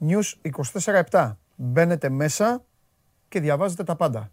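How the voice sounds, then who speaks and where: A man's voice: a little high, a little mellow. A man hosting a radio show, chatting casually and teasing his co-hosts, often jumping in. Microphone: studio microphone.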